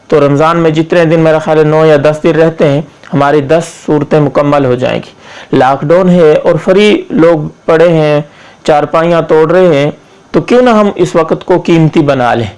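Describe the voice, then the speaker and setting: High-voiced man teaching Quran recitation. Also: a little mellow, smooth. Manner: corrects common mispronunciations patiently, repeating word by word. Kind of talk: recitation lesson with slow chanted drills.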